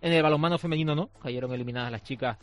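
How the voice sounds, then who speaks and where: A man giving a radio sports report in a brisk, informative way. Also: a little high. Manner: brisk, informative delivery with fillers.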